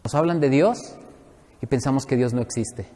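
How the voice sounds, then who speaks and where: A man preaching a sermon, lively and joking as he speaks straight to his congregation. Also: mid-range voice, moderate pace. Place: church hall. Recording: echoey church hall.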